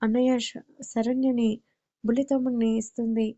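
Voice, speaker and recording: A woman's voice: a little high, little pitch movement, moderate pace, warm tone. A woman narrating a family audio story, reading every character's lines in much the same voice. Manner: reads all characters in her own voice with small shifts. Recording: dull lo-fi recording.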